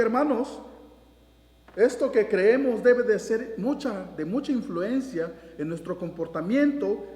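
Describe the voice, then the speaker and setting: A man preaches a sermon, his voice sitting high for a man. He often restarts phrases and repeats "dice" as he brings in scripture. The sound is roomy and echoing, with a long church reverb. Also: a little mellow. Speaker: pastor. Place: church sanctuary.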